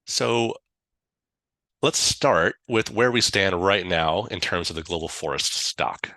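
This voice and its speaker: A man presenting to an online audience in a clear, explanatory way with rhetorical questions. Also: sits low, sharp tone, no echo. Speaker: panel speaker, forester. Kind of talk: prepared presentation.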